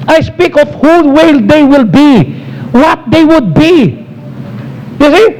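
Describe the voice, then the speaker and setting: A man's voice: very high-pitched, slight background noise, poor audio. A man with a Filipino accent preaching a sermon as pastor, emphatic and exhorting, switching between Tagalog and English. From Philippines.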